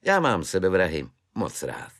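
A good-natured soldier chatters on in a raised, easy voice, matter-of-fact and cheerful whatever the subject. He talks unhurried and sure of himself, as a male narrator puts him on in a storybook reading. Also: deep voice, huge pitch swings, fairly bright tone, heavily acted. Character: good-natured, blithely unfazed soldier, adult man.

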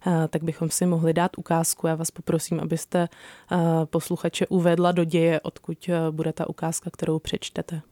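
A radio book show host interviewing a guest in a measured, polite way in a studio. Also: medium pitch, dark tone, no echo.

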